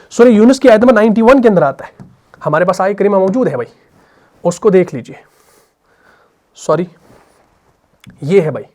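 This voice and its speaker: A man with an Urdu accent teaching tajweed, explaining lively and often asking his students questions. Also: high-pitched. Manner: lively explaining, repeats questions to students, slow melodic recitation. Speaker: Quran recitation teacher. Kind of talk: tajweed lesson.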